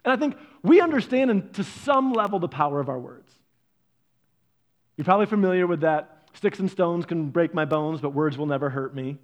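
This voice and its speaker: Animated man preaching with acted-out quotes. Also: normal speed. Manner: animated, acts out quoted voices with big pitch jumps. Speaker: pastor. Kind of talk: sermon.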